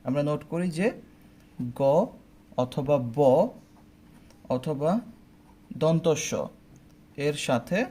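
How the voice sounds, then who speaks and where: A man's voice: fairly high pitch, takes it slowly, long pauses, warm tone. A young man teaching pronunciation rules step by step, often checking in with his students. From Bangladesh. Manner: explains step by step, often asking "ঠিক আছে?". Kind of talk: online admission-test pronunciation lesson.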